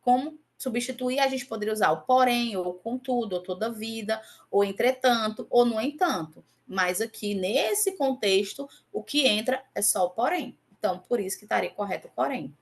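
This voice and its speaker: A woman teaching a Portuguese grammar class online, going over exam answers and often checking in with her students. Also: a little high. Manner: repeats example words slowly.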